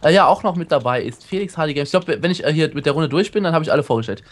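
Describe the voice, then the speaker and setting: Fast-talking excitable male gaming host. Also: on the high side. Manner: excitable, bursts into shouting and laughter. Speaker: gameplay video host. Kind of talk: casual multiplayer game chat.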